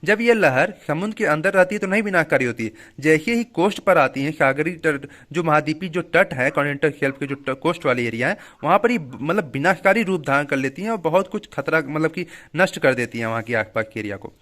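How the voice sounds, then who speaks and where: A man's voice: a little high, lively intonation, a little fast, hardly any pauses, fairly bright tone. A young man giving a casual classroom lecture, explaining each term twice and checking in with "okay" often. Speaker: teacher. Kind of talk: Hindi classroom lecture mixed with English terms.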